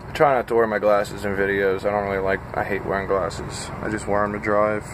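A man's voice: fairly low pitch, level tone, background noise. Tired trucker rambling in his cab. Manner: rambling, halting, with frequent fillers. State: tired and a little scattered. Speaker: truck driver vlogger. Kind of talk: casual vlog chat. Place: parked truck cab at night. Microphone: phone camera at arm's length.

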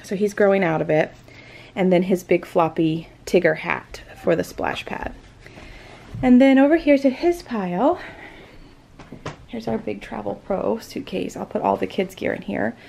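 A woman's voice: medium pitch, animated, measured pace, vocal fry, a little mellow. A woman in her thirties chatting casually as she packs for a trip, listing each item as she goes. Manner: chatty, lists items while packing. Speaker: vlogger. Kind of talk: casual packing vlog narration. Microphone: camera pointed down at items, speaker off-screen.

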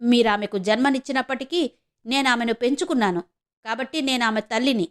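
A fierce, protective adoptive mother who scolds hard and indignantly, as a woman reader puts her on. The voice sits fairly high for a woman and comes through a storybook narration. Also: a little fast, lightly acted.

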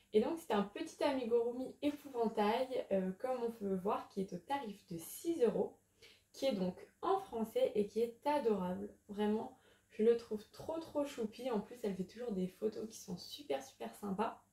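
Chatty woman, warm voice, echoey room. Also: on the high side. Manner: chatty, hesitant with frequent fillers. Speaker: crochet YouTuber. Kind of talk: casual chat.

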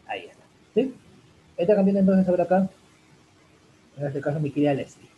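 A man teaching an online English class in Spanish, answering a student's question in a rambling way with many fillers, addressing the students warmly as "chicos". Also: sits high, brisk, highs cut off, slight background noise. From Peru. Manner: rambling, full of fillers like "en este caso" and "chicos".

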